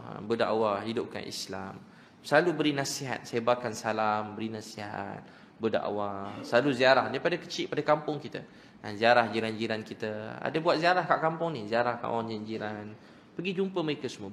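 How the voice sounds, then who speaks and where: A man with a Malaysian Malay accent giving a religious lecture to an audience, telling emotional stories that swing from hushed to loud, with quick, animated, repetitive phrasing. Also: mid-range voice, a little hiss or hum. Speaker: preacher.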